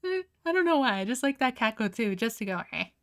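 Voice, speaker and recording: High-voiced giggly young woman streamer. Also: a little fast. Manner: giggly, laughs often, heavy use of "like"; animated, reacting in disbelief. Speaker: art streamer. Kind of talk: casual livestream chat while drawing.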